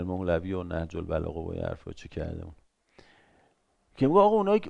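Middle-aged male speaker, low voice with wide swings, plays out quick dialogues while lecturing. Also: gravelly, warm tone, dry recording. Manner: acts out little dialogues in changing voices. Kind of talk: lively talk to an audience.

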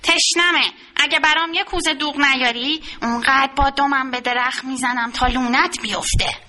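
A woman voicing a hungry, bullying fox who makes slow, blunt demands. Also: high-pitched, steady tone, pushed and bright, a little hiss or hum. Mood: threatening.

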